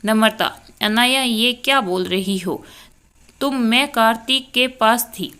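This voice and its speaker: A dutiful young daughter-in-law answers politely and anxiously, as a woman narrator voices her. She is a meek storybook figure. The pace is slow. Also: a little high, sharp tone, clean tone.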